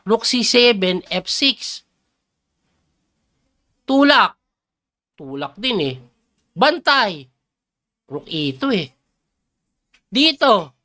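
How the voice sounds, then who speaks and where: Filipino chess coach guy calling a game live, gets all worked up, kinda high voice. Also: extremely slow, long pauses. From Philippines. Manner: excitable, exclaims and reacts loudly to moves.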